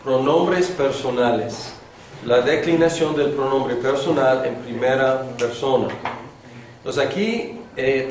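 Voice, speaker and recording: A man teaching a beginners' Greek lesson in class, talking slowly and thinking aloud with many fillers. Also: mid-range voice, slight background noise. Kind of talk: classroom lecture. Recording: echoey classroom from a distant mic.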